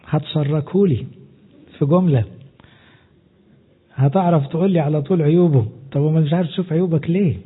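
A man with an Egyptian Arabic accent gives a sermon in a slightly raised, husky voice. He teaches conversationally, asking the listeners questions and stacking short lists. The sound is thin and tinny, like a phone line. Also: on the high side. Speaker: preacher.

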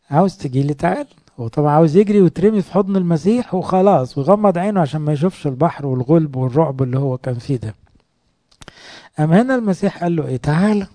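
A man with an Egyptian Arabic accent preaching a sermon in a lively, conversational way, often asking his listeners questions. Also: fairly high pitch, no echo.

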